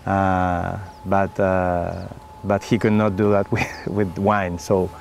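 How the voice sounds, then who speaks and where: Being interviewed for an oral history, the middle-aged Chilean winemaker talks in a gravelly, fairly low, somewhat mellow voice with a flat delivery and a Chilean Spanish accent. His speech is very slow and sincere, often stalling on fillers and starting phrases over. A faint hum of background noise sits under it.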